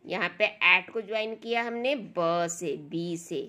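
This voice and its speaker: A woman leads a children's phonics lesson, sounding out letters one at a time. Her voice is bright and sits a little low, and she takes her time with every word. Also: takes it slowly. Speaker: phonics teacher.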